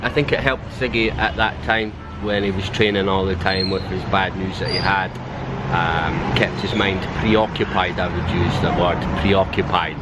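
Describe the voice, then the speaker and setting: Low-voiced Scottish man bantering. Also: steady tone, moderate pace. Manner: teasing, joking banter. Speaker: friend and training partner. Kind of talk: casual chat. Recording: noisy outdoor street sound.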